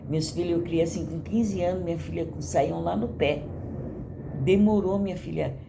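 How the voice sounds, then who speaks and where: A woman's voice: lowish voice, fairly even intonation, moderate pace, creaky, background noise. An older woman giving a personal testimony in church, talking conversationally to the congregation and often asking "you know?".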